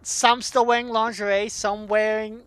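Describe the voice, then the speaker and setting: A woman runs the table as dungeon master, narrating in a loose, rambling way full of fillers and laughs. Her voice sits at a middle pitch. The sound is dry and close. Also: little pitch movement, moderate pace, smooth, no room sound. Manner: laughing often, loose and chatty with many fillers.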